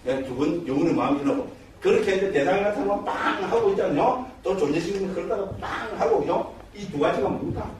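In a temple teaching hall, a male Buddhist monk delivers a dharma lecture, regularly checking in with listeners through quick rhetorical questions. His voice sits high, and the distant mic picks up background noise and the echo of the lecture hall.

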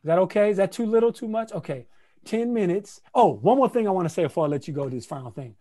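A man's voice: high-pitched, fast. A man teaching an online playwriting masterclass, talking casually and scatting rhythms aloud to show where lines fall. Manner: animated, scats rhythms aloud; conversational, repeats phrases for emphasis. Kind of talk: lively online workshop teaching.

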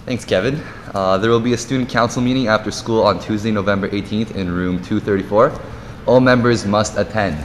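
Low-voiced young man anchoring school news. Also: brisk. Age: teenager to young adult. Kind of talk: read-out school morning news. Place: indoor school studio, seated at a desk. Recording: reverberant room, faint noise.

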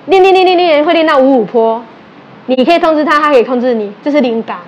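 A woman's voice: sits high, quick pace, muffled recording. A woman with a Taiwanese Mandarin accent that mixes in Hokkien, giving a sermon as a religious teacher. She tells stories, acts out quoted exchanges and asks her listeners questions. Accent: Taiwanese Mandarin, mixing in Taiwanese Hokkien. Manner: animated storytelling, acting out quoted exchanges.

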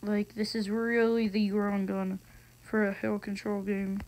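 A gaming host narrates gameplay with casual excitement, slang and bursts of frustration. He speaks at a measured pace in a medium pitch, and the recording is noisy with clicks.

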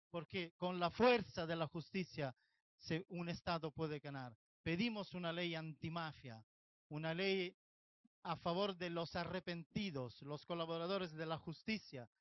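A man's voice: sits high, dry recording, highs cut off. A man from Sicily with an Italian accent, giving an impassioned protest speech and making demands. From Italy, Sicily. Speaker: activist speaker.

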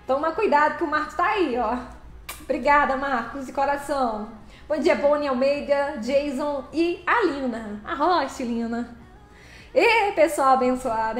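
A woman's voice: sits high, echoey room. A woman live-streaming a truck game, chatting casually, laughing often and greeting viewers by name.

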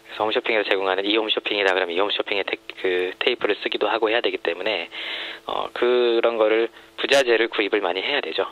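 Ein anonymer Mann, dessen Stimme elektronisch tief verfremdet ist. Er erklärt ruhig und sachlich, mit häufigem Zögern und Füllwörtern. Der Klang ist dumpf und gedämpft wie bei einer Radioübertragung. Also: male voice, fairly even intonation, narrow, tinny audio. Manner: measured, explanatory, frequent hesitations. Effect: voice disguised, pitch shifted deep. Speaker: former home shopping supplier, interviewee.

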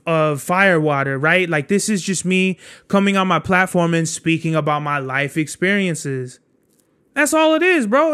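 Blunt, profane man talking high. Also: a bit bright. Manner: profane, blunt, rambling street slang. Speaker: podcast host. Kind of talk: casual solo monologue.

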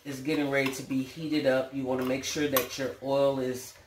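In a home kitchen indoors, a middle-aged American woman with a folksy, playful way about her casually demonstrates home cooking as the host, speaking flatly at a moderate pace in a very deep voice. The audio is a roomy, clearly noisy home recording with clicks.

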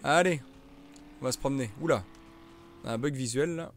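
A man's voice: mid-range voice, brisk, a little hiss or hum. A young man commentating a survival game live, easygoing and talkative. He banters with viewers in the chat and jokes about his play. Keyboard typing clicks under his voice. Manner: chatty, joking, reads and answers viewer chat. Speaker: streamer.

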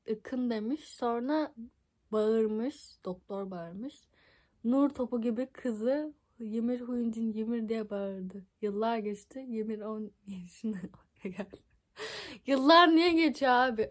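A young woman reading a fan fiction book aloud into her phone, stumbling over words and laughing at it, her voice a bit scratchy from a tickly throat. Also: fairly high pitch. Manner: amused, mocking asides, frequent laughs and stumbles.

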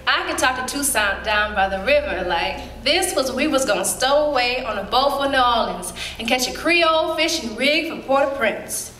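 A woman performing a dramatic stage monologue as a spirited woman recalling her girlhood, telling it in lively, colloquial speech with sudden jumps in pitch. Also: faint music behind. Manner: lively storytelling, colloquial, with quick leaps up in pitch. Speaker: stage actor. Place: theater stage. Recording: roomy hall.

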